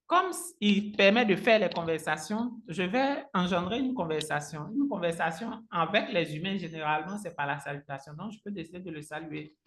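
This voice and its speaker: A native Agni speaker works as an online trainer, guiding a live software tutorial step by step and often repeating his phrases. His voice sits high and is expressive, moving fairly quickly with few pauses, in a roomy, echoing recording.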